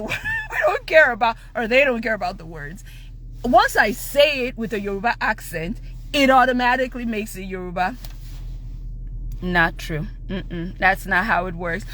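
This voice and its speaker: Animated middle-aged Nigerian woman storyteller. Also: fairly high pitch, slight background noise. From Ondo, Nigeria. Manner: animated, laughing, mixes Yoruba and English. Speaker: live-stream host. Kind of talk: live storytelling chat.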